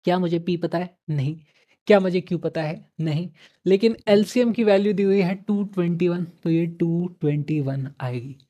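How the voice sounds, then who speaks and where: A male math teacher giving a chatty exam-prep lesson, repeating phrases, asking and answering his own questions, with sudden louder bursts for emphasis. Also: high voice, moderate pace. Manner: repeats phrases several times in a row.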